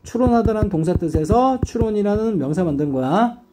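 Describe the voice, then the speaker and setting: A man's voice: high voice, fairly quick, noisy background. A man teaching an English class, lecturing students and constantly checking that they follow. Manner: lively, rising and dipping emphasis.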